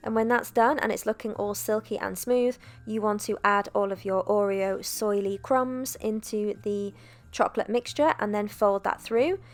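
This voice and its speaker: A young woman narrating a cooking video in a chatty, relaxed voice-over, with self-deprecating asides. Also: medium pitch, moderate pace. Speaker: cooking vlogger.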